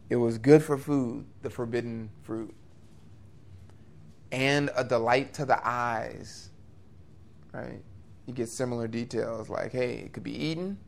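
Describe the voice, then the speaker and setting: A man preaching an expository sermon in an earnest, conversational way, with lively rises and quick asides. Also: mid-range voice.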